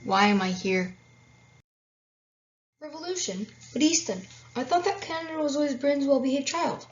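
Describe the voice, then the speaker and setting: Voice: high voice, normal speed, far from the mic, pitched above the performer's own voice, natural voice. A narrator voicing an indignant heckler in a comic video, whiny and exclaiming. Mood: puzzled. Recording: roomy, muffled lo-fi recording.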